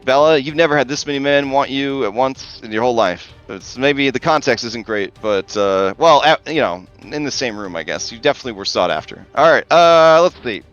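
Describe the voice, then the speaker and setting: A man narrates a tabletop game casually as its game master. His voice is mid-pitched and very clear. The sound is slightly muffled, with music playing behind him. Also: animated, a little fast, few pauses, a bit bright.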